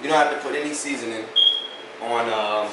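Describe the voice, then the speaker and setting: Cooking at home for his vlog, a young man with a Louisiana accent chats in a fairly quick, mid-range voice, casual and full of jokes and teasing. His phone camera sits on the counter, and the kitchen adds echo and background noise.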